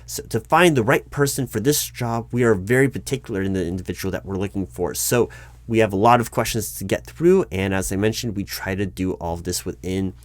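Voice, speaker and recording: A man takes on the role of a polite, officious recruiting manager in a one-sided interview roleplay, his corporate speech formal and wordy. His voice is lowish, a little fast, with no echo.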